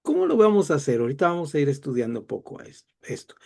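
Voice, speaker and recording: A man's voice: a little high, huge pitch swings, fast, gravelly, warm tone. A middle-aged man with a Mexican accent giving a Bible class in a chatty, digressive lecture style. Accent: Mexican Spanish. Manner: digressive, chatty, self-deprecating asides. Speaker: Bible teacher.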